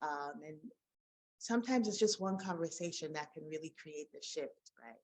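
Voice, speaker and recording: A woman's voice: sits low, normal speed, a little mellow. A woman hosting a podcast interview, speaking in an effusive, conversational way and laughing often. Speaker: podcast host.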